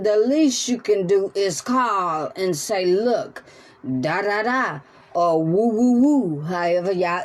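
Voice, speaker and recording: Slow-talking woman vlogger. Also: medium pitch, darkish tone. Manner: slow, preachy advice with religious asides. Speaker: mukbang vlogger. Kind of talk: casual talk to camera while eating. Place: her room at home.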